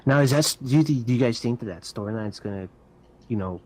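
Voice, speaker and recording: A man co-hosting a casual gaming podcast, speaking haltingly with mid-sentence restarts. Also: mid-range voice, darkish tone, slight background noise. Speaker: podcast co-host.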